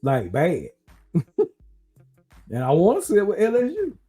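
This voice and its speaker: Man, casual rambling talk, slightly high voice, mellow tone, faint music behind. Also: a little slow, breathy edge. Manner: relaxed, rambling, talks through his uncertainty. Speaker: podcast host. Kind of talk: casual chat.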